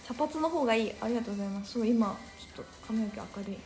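A woman's voice: a little high, racing, a little mellow, roomy sound, faint music behind. A young woman hosting a phone live stream, chatting casually with viewers, reading out their comments and laughing often. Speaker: Instagram live host.

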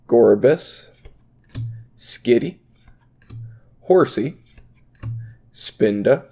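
A young man's medium-pitched voice, gravelly and a little mellow, comes through stuffy from a cold. He's a YouTube vlogger opening trading card packs at his home desk, chatting to viewers in a laid-back, rambling manner packed with fillers.

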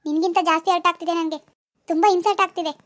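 A woman's voice: very high-pitched, fairly even intonation, quick pace, fairly bright tone. [name], a woman voicing a scornful young village girl. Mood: angry. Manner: scolding, sarcastic. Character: demanding young village woman, proud and sulky. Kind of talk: cartoon dialogue voice acting.

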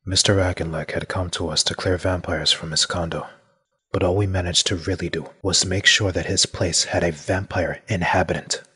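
A performer voicing a calm, deadpan undead man who narrates a fan audio drama, with a raspy voice. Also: deep voice, moderate pace, full character voice. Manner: deadpan, dry.

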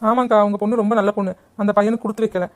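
A woman voicing a cheeky, bossy young village woman in a cartoon, brash and rapid-fire. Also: mid-range voice, steady tone, lightly acted. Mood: consoling. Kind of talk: cartoon voice acting.

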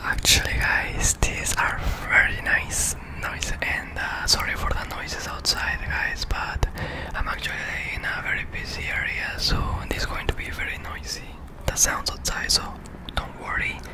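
A young man doing fast whispered ASMR very close to the microphone, repeating words in quick bursts. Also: poor audio. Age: young adult. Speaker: ASMR video creator. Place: indoor room at home. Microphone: desktop condenser microphone, very close.

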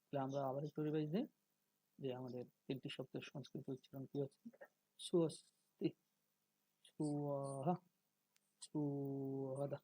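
A man giving a spoken lesson on pronunciation, slow and deliberate, drawing out syllables to demonstrate them. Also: medium pitch, little pitch movement, mellow, slightly rough, dry recording, low-quality recording. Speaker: religious teacher.

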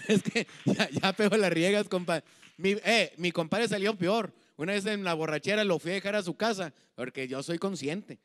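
Man, high voice, comedian, bawdy rambling joke-telling, slangy. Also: moderate pace, fairly bright tone. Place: bar.

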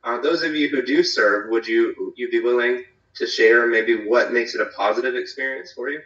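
A man from North Carolina leads a casual church small group over a video call, talking in a friendly, rambling way full of fillers and restarts. His voice is bright but sounds echoey and distant. The audio is dull, like a laptop call. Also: mid-range voice, normal speed. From eastern North Carolina.

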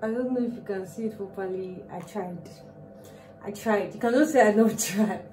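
A woman's voice: medium pitch, quick pace. A young woman with a Nigerian English accent, chatting casually and rambling a bit to her vlog camera at home. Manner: chatty and rambling, self-mocking. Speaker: vlogger. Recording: roomy, distant sound with faint noise.

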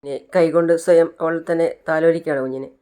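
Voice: mid-range voice, fast talker, clear, resonant tone. An adult narrator casually retelling a TV serial episode, slipping into the characters' lines as the story goes. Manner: lively storyteller who slips into the characters' lines.

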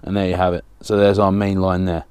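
Deep-voiced man explaining a fishing rig. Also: monotone, a little fast, a little mellow, clean tone, no room sound. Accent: southern English. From England. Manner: plain, practical, talks while working with his hands. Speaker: fishing channel host. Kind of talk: step-by-step tutorial. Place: small indoor studio with banner backdrop.

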